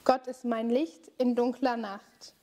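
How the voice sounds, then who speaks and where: Woman reading a story to children. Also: fairly high pitch. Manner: slow, clear, expressive reading. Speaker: children's service leader.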